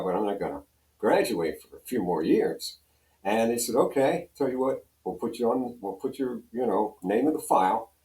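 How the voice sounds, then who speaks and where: A warm, medium-pitched older American man, a radio program director from Pennsylvania, tells casual, folksy, self-deprecating anecdotes as a guest. The sound is echoey and roomy, as though he sits far from the microphone.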